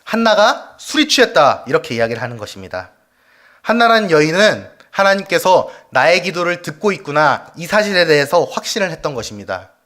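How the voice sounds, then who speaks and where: A man's voice: on the high side, very animated, fairly quick, a bit bright. A male evangelist preaching a weekday church sermon, leading the congregation through scripture and asking them questions. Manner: leads the congregation in reading scripture aloud; asks the congregation rhetorical questions. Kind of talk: Wednesday service sermon. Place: church sanctuary.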